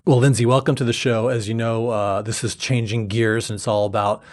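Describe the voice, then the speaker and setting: Fairly low male host, chatty and upbeat in interviews. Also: flat delivery, fairly quick, a little mellow. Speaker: podcast host. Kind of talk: podcast interview.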